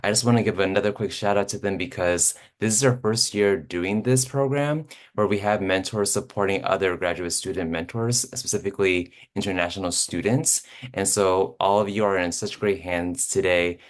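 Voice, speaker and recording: Middle-aged man, very low voice, upbeat, effusive welcome. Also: steady tone, normal speed, hardly any pauses. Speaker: assistant director of student programs. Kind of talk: welcoming remarks.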